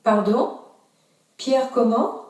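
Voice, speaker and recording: A woman playing a business-school secretary who takes a student's details in a scripted language-course dialogue, asking brisk, clerical questions, heard from far off in an echoey room. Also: a little high, a little mellow. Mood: businesslike.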